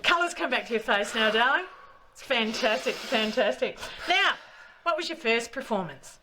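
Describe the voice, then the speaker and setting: A woman's voice: on the high side, animated, normal speed, noisy background. A woman hosting a live chat show in a flamboyant way, calling everyone darling. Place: live-streamed studio.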